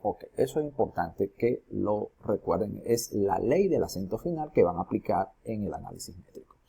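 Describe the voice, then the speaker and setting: A man's voice: on the low side, expressive, moderate pace, creaky, warm tone, slightly rough. A man teaching a recorded lesson, explaining each step and asking his students questions as he goes. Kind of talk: recorded lesson on poetry metrics.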